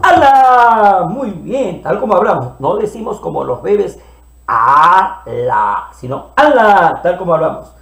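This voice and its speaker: Playful gravelly teacher man. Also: high voice, lively intonation, reverberant. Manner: playful, sounds out syllables slowly and repeats them. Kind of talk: early reading lesson for children.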